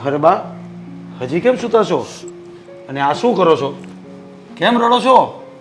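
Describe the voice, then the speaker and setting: A man's voice: high voice, very animated, unhurried, faint music behind. An actor playing a grown son who earnestly reassures his elderly mother. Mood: reassuring.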